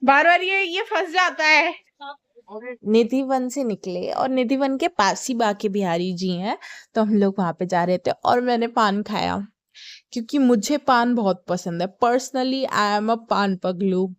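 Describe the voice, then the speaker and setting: Chatty young woman, smooth clear voice. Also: medium pitch, measured pace, no room sound, studio quality. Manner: chatty, with many fillers and English words mixed in. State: tired. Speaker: travel vlogger. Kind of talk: casual vlog narration.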